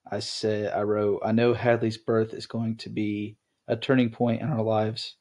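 A young adult man hosts a podcast, chatting casually with his wife and rambling with plenty of ums and restarts. His voice is on the low side with a darkish tone.

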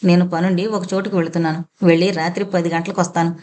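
A woman's voice: on the low side, flat delivery, fast talker, darkish tone, lightly acted. A woman voicing a stubborn, domineering young man who gives curt orders in an audio novel. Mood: stern. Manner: commanding, curt.

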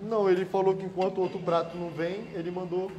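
A man's voice: sits high, flat delivery, fast talker, muffled recording. A young adult man working as a waiter, politely explaining dishes in a restaurant. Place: indoor restaurant.

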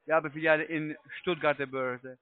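Over a tinny phone line, a pushy cold caller from the United States pitches online trading in broken German, which isn't his native language. He talks a little fast with a fairly high pitch and fairly even intonation, and there's no room sound.

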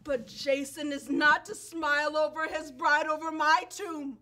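A woman's voice: high-pitched, flat delivery, measured pace, pushed and bright. A young woman acting a wronged, vengeful foreign princess on stage, speaking with impassioned, tearful bitterness. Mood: anguished. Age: young adult. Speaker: student stage actor.

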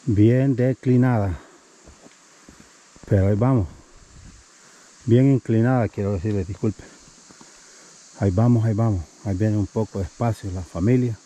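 On a wooded trail, a thirtysomething family vlogger walks, climbs and chats with his "mi gente," a bit short of breath, filming on an action camera at arm's length. His voice sits on the low side with a dark tone, and the recording is rough.

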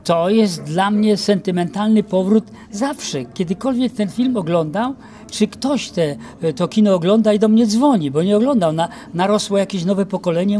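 A man in his sixties, an actor, being interviewed in an outdoor courtyard into a handheld mic, reminiscing with many pauses and fillers. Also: high voice, mellow. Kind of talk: casual interview. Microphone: handheld mic held by interviewer.

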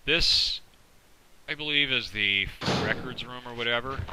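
A man's voice: medium pitch, unhurried, noisy background. A man giving casual, profane, rambling commentary over a video game while losing his voice. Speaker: let's play commentator. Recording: game music underneath.

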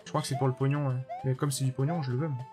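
Racing along in a level, mid-range voice over music, this streamer keeps up easy banter with his audience while playing a platform game where players build levels. He calls out chatters by name and gives frank verdicts on their creations.

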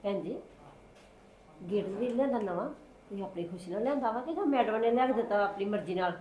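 A woman with a Punjabi accent playing a sly neighbour in a short film, talking quickly and repeating her denials. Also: mid-range voice, lively intonation, mellow, lightly acted. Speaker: neighbour Sukhwinder.

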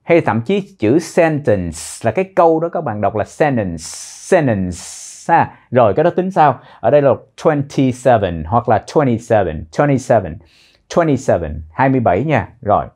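Lively male teacher drilling pronunciation. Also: mid-range voice. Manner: slow, drawn-out pronunciation drills. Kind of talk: citizenship test lesson.

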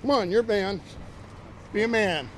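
A man's voice: high-pitched, normal speed, a bit bright, a little hiss or hum, rough recording. A man working as a police officer, giving curt, scolding commands during an arrest outdoors, recorded on a body camera. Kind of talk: stern orders during an arrest. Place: outdoors by a patrol car.

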